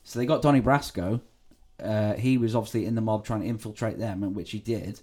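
A man's voice: lowish voice, fairly even intonation, brisk, mellow. A man co-hosting a casual podcast, rambling and swearing freely as he tells a story. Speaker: podcast co-host. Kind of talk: casual true-crime podcast chat.

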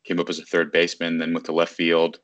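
Speaking quickly and in a monotone, this low-pitched, slightly bright-voiced Virginian in his thirties covers baseball as a journalist. During a casual video-call interview from his city apartment he rambles, fills pauses, and corrects himself mid-sentence. There's no echo, but the highs are cut off.

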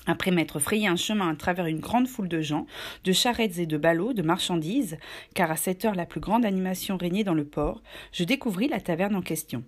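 A woman narrating a novel aloud, with a steady, measured delivery and small self-corrections. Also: fairly low pitch.

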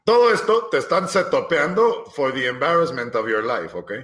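A young man telling a story in a casual chat, animated and slangy, slipping into English phrases. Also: on the high side, normal speed. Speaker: podcast co-host. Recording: roomy echo.

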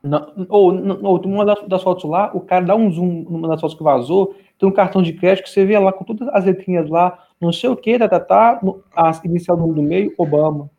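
A man's voice: high voice, steady tone, fairly quick, few pauses, warm tone. A man co-hosting a podcast in casual political chat, rambling with many restarts and repeated words. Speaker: podcast co-host. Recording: dull lo-fi sound.

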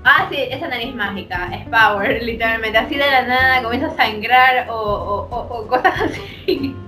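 A young woman with a high, bright voice chats fast with friends, lively, laughing and cutting in often. Faint music sits under the talk. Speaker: podcast co-host. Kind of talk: casual chat.

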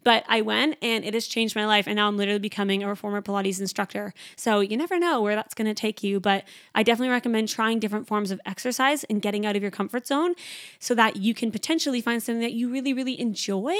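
A young woman in her twenties hosting a casual solo podcast, talking fast and chatty with lots of "like" fillers. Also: mid-range voice, a bit bright, no echo, studio quality. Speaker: podcast host.

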